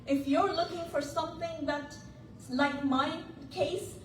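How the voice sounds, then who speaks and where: A woman's voice: high voice, steady tone, measured pace, a little hiss or hum. A woman giving an earnest, persuasive testimonial to a group. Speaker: business meetup attendee giving a testimonial. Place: indoor meetup room. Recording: echoey room, mic at a distance.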